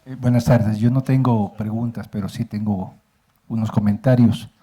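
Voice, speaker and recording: A man from El Salvador, with a Salvadoran accent, making a formal and deliberate comment from the audience with hesitant fillers. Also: fairly low pitch, steady tone, mellow. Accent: Salvadoran Spanish. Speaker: audience member, former legislator. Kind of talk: public comment at a panel. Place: university auditorium.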